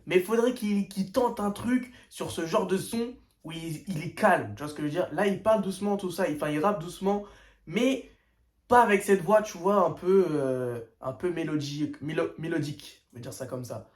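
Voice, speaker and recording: A man's voice: high-pitched, moderate pace. A young man hosting a casual first-listen music reaction, talking in loose slang with lots of hesitations and filler. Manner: slangy, hesitant, full of "tu vois" and "euh". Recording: echoey room.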